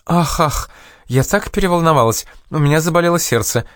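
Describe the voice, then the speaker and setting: A man's voice: a little high, a little fast, no room sound, clean studio sound, voice pushed up, close to an everyday voice. A man reading an audiobook and voicing a fussy, flustered woman hotel administrator who complains theatrically. He raises his voice for her.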